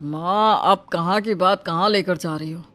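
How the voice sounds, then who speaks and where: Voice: medium pitch, a little slow, fairly bright tone, soft background music, lightly acted. Someone voicing a fed-up young husband in a cartoon, defensive, midrange voice. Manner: defensive, complaining.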